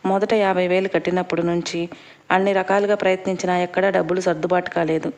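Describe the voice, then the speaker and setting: Woman reading a story in a flat voice. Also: lowish voice, quick pace. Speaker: narrator. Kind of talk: storybook narration.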